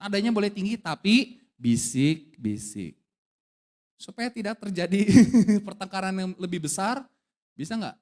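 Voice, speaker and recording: Animated male preacher with wide-swinging pitch. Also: unhurried. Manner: lively preaching with questions to the congregation; casual slangy asides and jokes. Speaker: pastor. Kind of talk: sermon. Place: church service.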